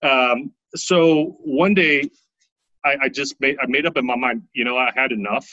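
A man's voice: medium pitch, normal speed, sharp tone, no room sound, highs cut off. A man in his thirties from Taiwan, telling his life story casually as an interview guest, often tagging his lines with "right?".

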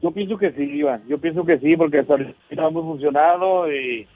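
A man's voice: fairly high pitch, a little fast, dry recording, faint music behind. A man in his thirties from Mexico, calling in on the phone and answering in easygoing, brief replies. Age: 30s. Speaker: caller. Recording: tinny phone line.

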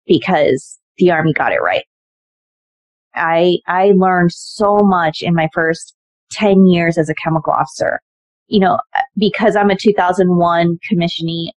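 A woman's voice: lowish voice, no room sound. A woman in her forties, an Army officer, telling stories as an interview guest and acting out quoted dialogue. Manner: animated, acts out quoted dialogue with lively voices. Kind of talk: conversational interview storytelling.

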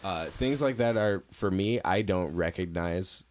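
A man's voice: low-pitched, a little slow, darkish tone, no echo. A man hosting a casual interview, asking laid-back questions and chatting along with his guest.

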